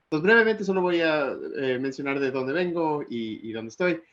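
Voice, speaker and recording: A man's voice: a little high, lively intonation, moderate pace, fairly bright tone, dull audio. A man from Ecuador giving an online technical lecture, hesitating often with fillers and restarts.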